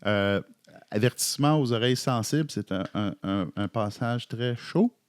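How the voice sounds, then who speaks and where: A man with a Quebec French accent, co-hosting a casual book-club podcast with halting speech and dry humor. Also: mid-range voice, clean tone, dry recording. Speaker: podcast co-host.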